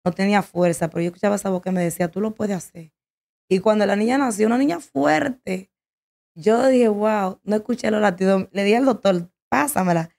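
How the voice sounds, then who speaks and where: Emotional woman giving a halting testimony. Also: medium pitch, vocal fry, darkish tone. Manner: halting, emotional, with many restarts. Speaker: guest sharing a testimony.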